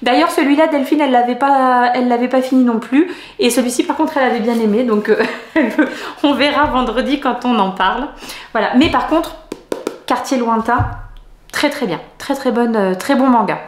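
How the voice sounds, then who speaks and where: A middle-aged woman from France chatting in a casual knitting vlog, rambling with many hesitations and soft laughs. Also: a little high, moderate pace, reverberant. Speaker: knitting vlogger.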